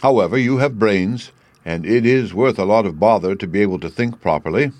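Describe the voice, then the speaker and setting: A man's voice: lowish voice, a little fast, darkish tone, dry recording, close to an everyday voice. A man voicing a friendly, thoughtful living scarecrow in a storybook, musing and hearty. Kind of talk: storybook character voice.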